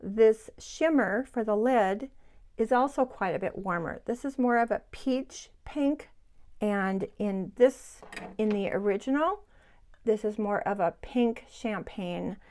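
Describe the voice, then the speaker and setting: A woman's voice: mid-range voice, lively intonation, a little slow, a little mellow. A woman in her sixties, chatting casually and enthusiastically to viewers as she reviews beauty products at home. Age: 60s. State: sweating in the heat. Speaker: beauty vlogger. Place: home, hot room without air conditioning.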